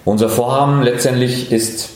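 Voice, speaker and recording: A man in his forties from France, speaking German with a French accent, answering interview questions as a startup founder with thoughtful pauses. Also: mid-range voice, fairly even intonation, very echoey. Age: 40s. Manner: thoughtful, many pauses and fillers.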